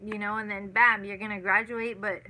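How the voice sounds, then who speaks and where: A woman's voice: mid-range voice, level tone, normal speed, bright, forceful tone, low-quality recording. A woman in her thirties hosting a casual live chat, answering viewers and repeating herself with lots of "you know" and "like". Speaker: livestream host.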